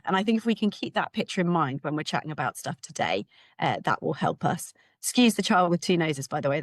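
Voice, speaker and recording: A British woman in her thirties, slightly hoarse, giving an informal, chatty conference talk as a ministry leader. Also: on the low side, dry recording. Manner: chatty, informal, with light laughs.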